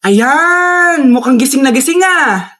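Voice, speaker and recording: A woman acting out family comedy skit dialogue in an expressive, exaggerated way. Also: sits high, slow pace.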